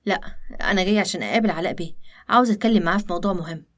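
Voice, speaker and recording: A woman with an Egyptian accent voicing a scheming young woman who pleads insistently with the man she loves, in an animated story. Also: on the low side, racing, lightly acted. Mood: pleading. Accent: Egyptian Arabic.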